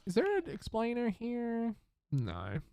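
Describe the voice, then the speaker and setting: A man's voice: very high voice, huge pitch swings, slow pace, gravelly, mellow, smooth, no room sound. A man giving casual live-stream commentary while playing a game, chatty and upbeat, talking to his chat and to the characters.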